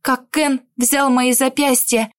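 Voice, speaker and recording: A woman reading a first-person fantasy romance audiobook in an expressive, emotional way. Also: sits high, slow pace, dry recording, clean studio sound. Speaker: audiobook narrator. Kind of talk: first-person scripted narration.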